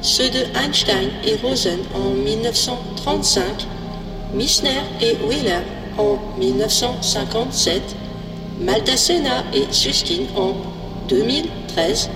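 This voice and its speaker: Woman as know-it-all robot lady, high lilting voice, echoey hall, sci-fi audio drama. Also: lively intonation, a little slow. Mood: pedantic. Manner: pedantic, didactic. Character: female ship computer or robot, pedantic explainer. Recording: echoey hall, distant, music behind.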